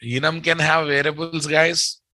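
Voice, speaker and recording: A man's voice: fairly high pitch, little pitch movement, measured pace, sharp tone, no room sound. A man with a Telugu Indian accent teaching programming live, speaking emphatically, repeating his statements and quizzing his students.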